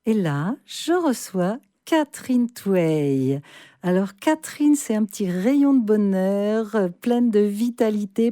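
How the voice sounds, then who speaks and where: A woman's voice: mid-range voice, dark tone, dry recording, studio quality. A woman in her sixties hosting a radio interview, introducing her guest. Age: 60s. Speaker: radio host.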